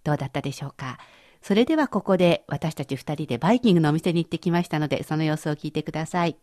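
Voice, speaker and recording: A woman's voice: deep voice, rapid-fire, a little mellow, dry recording, clean studio sound. A woman teaching Chinese vocabulary in a radio lesson, explaining each word patiently and carefully.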